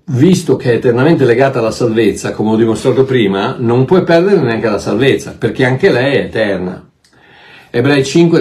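A man preaching a sermon, emphatic and animated, often repeating words as he searches for them. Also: medium pitch. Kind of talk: sermon teaching.

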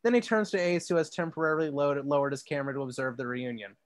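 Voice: mid-range voice, fast talker, no echo. A podcast co-host reading a script's stage directions aloud, with wry asides.

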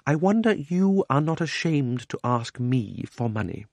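A man's voice: medium pitch, very animated, a little slow, creaky, a little mellow, no echo, voice pushed up. A man voicing a tough, prim old aunt in a storybook, firm and disapproving. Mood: firm reproach.

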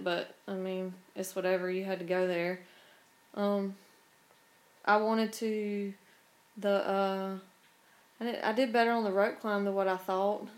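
A woman with a Southern US accent, chatting casually as a guest in an informal, down-to-earth way. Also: mid-range voice. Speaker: podcast guest, obstacle racer. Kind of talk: casual chat.

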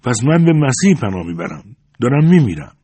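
A man's voice: fairly high pitch, very animated, a little mellow, voice pushed up. A man voicing a distressed young woman who pleads at a hermit's door in a raised, plaintive voice.

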